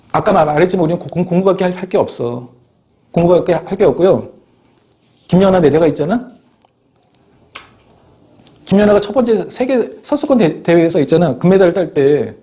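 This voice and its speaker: A middle-aged man lectures his students with a lively, swooping delivery that climbs high, often stumbling over his words and restarting. His tone stays mellow and soft-edged even as he acts out pupils and parents to drive his point home. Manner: animated, scolding, acts out students and parents in quoted voices. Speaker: teacher. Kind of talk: motivational classroom talk.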